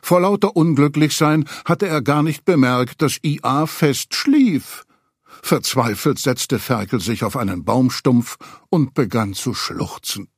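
Man, children's story reading, husky voice, very lively pitch, dry close sound. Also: measured pace, no echo. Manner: expressive storytelling. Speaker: narrator.

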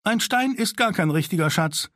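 A man's voice: sits high, lively intonation, moderate pace, a bit bright, dry recording, studio quality, pitched above the performer's own voice. A man voicing a bossy, mean village girl in a storybook reading, speaking in a hissing, commanding way. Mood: bossy, spiteful.

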